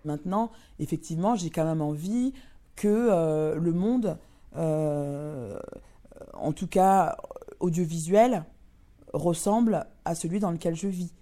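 Blunt actress with a very low, dark voice. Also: female voice, slow pace. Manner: blunt, many fillers. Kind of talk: candid interview testimony.

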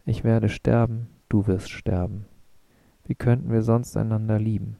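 A man reading Shevek, a calm thoughtful man. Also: lowish voice, measured pace, creaky, no echo. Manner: calm, musing, philosophical speech. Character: thoughtful lean adult male physicist, earnest. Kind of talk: audiobook reading.

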